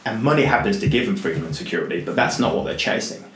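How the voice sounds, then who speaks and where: Animated man telling a story. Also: on the low side, fast talker. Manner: animated, lots of restarts and repeated words. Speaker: podcast guest, adventurer. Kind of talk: casual storytelling in conversation. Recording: roomy with faint hiss.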